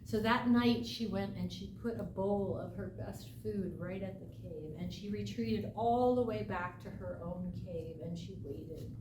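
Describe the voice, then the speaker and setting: Female oral storyteller, dramatic and unhurried, recorded from a distance in an echoey, noisy room. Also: mid-range voice. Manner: dramatic, deliberate, with emphatic phrases and pauses. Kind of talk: live oral folk tale telling.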